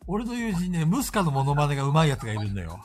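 A man's voice: on the high side, very animated, rapid-fire, darkish tone, faint music behind. A man hosting a casual podcast chat over an online call, teasing his guests and laughing often. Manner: teasing, laughs often, pushes others to do impressions. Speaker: podcast host.

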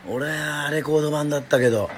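A middle-aged Yoron Island man from Japan speaks at a quick pace in a higher voice with fairly even intonation while hosting a relaxed live radio stream. He chats, laughs at himself and answers what listeners write in. A little hiss or hum sits in the recording.

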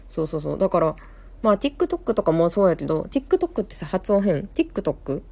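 A young woman with a Kansai accent chats through a casual live stream. Her voice sits on the low side and sounds warm and mellow. She talks in a rambling way, with plenty of fillers and quick self-corrections. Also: lively intonation, gravelly, slightly rough. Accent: Kansai Japanese. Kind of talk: casual live-stream chat reading viewer comments.

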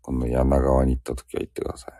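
Gravelly deep-voiced man with a Fukuoka accent. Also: completely flat delivery, fast, warm tone, no room sound, studio quality. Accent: Fukuoka dialect. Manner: rambling, joking, self-mocking. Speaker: live audio streamer. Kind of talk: casual solo live chat.

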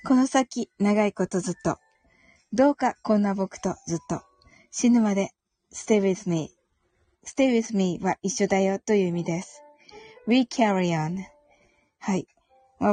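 Soft-spoken woman explaining song lyrics. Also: mid-range voice, no echo. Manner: gentle, polite, reads English lines slowly and carefully. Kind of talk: casual audio broadcast rehearsal.

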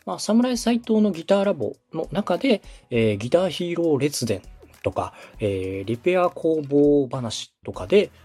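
This time the Osaka podcast host and radio director has a fairly high, sing-song voice, dark and husky, at a normal pace. He gives a beginner courteous, well-ordered, step-by-step guidance in a chatty manner.

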